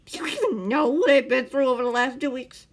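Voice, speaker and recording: A woman reading a storybook gives voice to an angry, irritable captor, a rough-sounding man who barks and growls loudly. He speaks at an ordinary speed, but his pitch lurches up and down as his temper flares.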